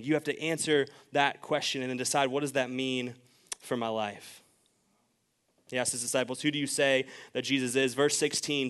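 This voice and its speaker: A man's voice: medium pitch, fairly bright tone, smooth. A young man preaching a sermon in a church, driving home his point with repeated rhetorical questions. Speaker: pastor. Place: church sanctuary.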